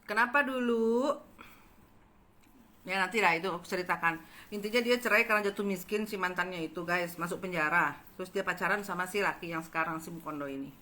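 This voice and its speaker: A woman telling a gossipy story to her viewers, animated and dramatic, acting out the quotes. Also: lowish voice, fairly quick, a little hiss or hum. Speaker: channel host telling a story.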